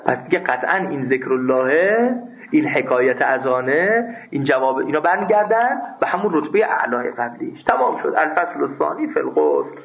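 A man's voice: fairly high pitch, animated, creaky, slight background noise. A man teaching a seminary class on religious law, emphatic and scolding, who raises his voice at his students. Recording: tinny phone-like recording.

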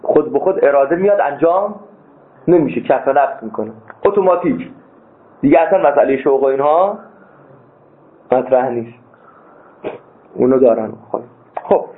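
Guy giving a seminary philosophy lecture, kinda high voice, tinny phone-like sound. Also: big pitch swings, long pauses. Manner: emphatic, pitch leaps on key words. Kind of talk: classroom lecture.

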